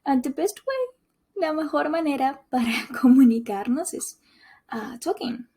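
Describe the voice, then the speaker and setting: Slow, soft-voiced woman language teacher. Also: high voice, slightly rough. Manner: repeats each point in Spanish and English. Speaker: Spanish teacher. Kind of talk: bilingual language lesson.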